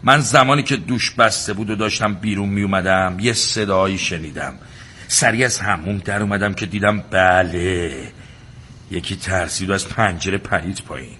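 A man's voice: low-pitched, sharp tone, a little hiss or hum. An actor playing an indignant male guest at a village inn who insists, exasperated, on his accusation. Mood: recounting.

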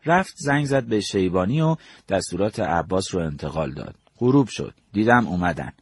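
Casting note: husky male storyteller, measured first-person memoir narration, dry close mic. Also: low-pitched, very animated, no room sound.

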